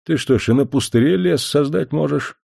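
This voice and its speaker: A weary village healer laments and sighs over people's ways, as a male reader puts him on. His voice rises well above the reader's usual low pitch. It still keeps a dark, mellow grain. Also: a little fast, vocal fry, breathy edge, no room sound, studio quality, full character voice. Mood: sorrowful. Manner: lamenting, sighing. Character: weary village healer man, sorrowful and wary.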